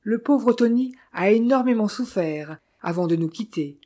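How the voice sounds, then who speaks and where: A woman reading the lines of a small, courteous older male detective in formal, measured speech. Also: medium pitch, expressive, mellow, pitched above the performer's own voice, close to an everyday voice.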